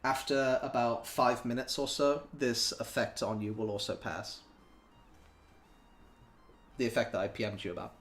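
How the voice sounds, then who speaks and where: A man narrating as game master of a tabletop game over voice chat, relaxed and quick to laugh. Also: mid-range voice, roomy sound, soft background music.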